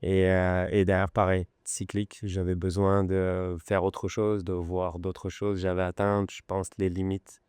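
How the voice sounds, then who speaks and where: A French man in his forties with a Lyon accent speaks as a podcast guest, pausing often as he tells his story. His voice is deep, dark and mellow. It is clear and smooth, recorded close and dry in a studio. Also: monotone, dry recording. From France. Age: 40s. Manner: unhurried, hesitant storytelling. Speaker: podcast guest, luxury goods broker. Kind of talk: conversational interview.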